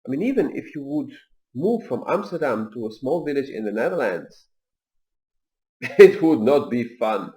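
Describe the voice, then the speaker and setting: A man in his forties, raised in Tunisia, hosting a video and telling personal stories in a calm, measured way with pauses and fillers. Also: medium pitch. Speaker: video host. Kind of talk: personal reflective talk.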